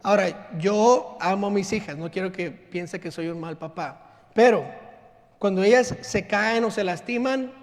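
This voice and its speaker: A man preaching in a church, his voice sitting fairly high for a man. The sound rings out with a long hall reverb. He is earnest and sometimes drops soft and low to stress a point. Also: unhurried. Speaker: pastor. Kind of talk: sermon. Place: church sanctuary.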